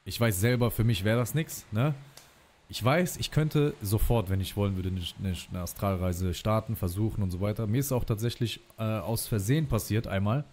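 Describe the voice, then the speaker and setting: Mellow low-voiced man telling stories. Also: moderate pace. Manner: chatty slangy storytelling, addresses the host as brother. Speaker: guest on a livestream talk. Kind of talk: casual chat.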